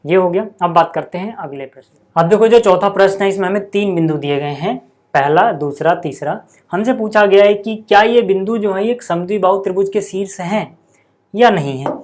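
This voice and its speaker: A man's voice: high voice, brisk, darkish tone. A man teaching a maths lesson at a board, chatty, often checking in with his students. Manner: chatty, repeats 'theek hai' and 'yaar' to students.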